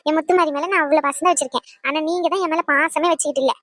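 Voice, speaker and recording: A woman's voice: high voice, fairly even intonation, racing, a bit bright, no room sound, studio quality. Woman voicing a playful pregnant cartoon wife. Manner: coaxing, playful, giggly. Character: cheerful pregnant young wife, teasing and loving. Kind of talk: cartoon voice acting.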